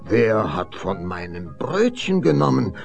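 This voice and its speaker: A man voicing seven kindly little dwarfs in a fairy-tale reading, in a lively, questioning tone. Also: fairly low pitch, a little slow, vocal fry, soft background music, exaggerated voice. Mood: puzzled. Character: seven small, fussy male dwarfs, kindly miners.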